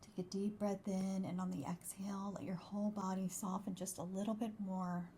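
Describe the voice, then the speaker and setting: Soft, hushed woman guiding a meditation, mellow. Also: mid-range voice, level tone, slight background noise. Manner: soft, hushed, breathy delivery, soothing and unhurried, at times near whisper. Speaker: host, wellbeing coach and meditation guide. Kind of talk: guided meditation.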